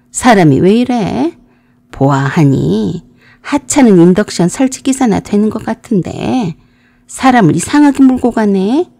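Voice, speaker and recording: A woman voicing an arrogant middle-aged male boss who talks down slowly and with contempt. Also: medium pitch, gravelly, warm tone, dry recording. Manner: slow, condescending.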